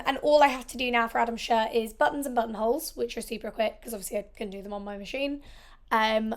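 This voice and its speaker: A hoarse woman in her thirties from the United Kingdom, losing her voice and chatting in a rambling, upbeat way with lots of asides in her home sewing vlog. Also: fairly high pitch. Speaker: sewing vlogger. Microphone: small mic at the bottom of the frame.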